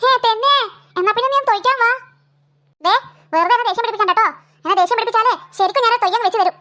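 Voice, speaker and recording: A woman's voice: very high voice, very fast, pushed and bright. A woman voicing two stubborn, bickering young sisters in a cartoon. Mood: squabbling. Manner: whiny, stubborn squabbling.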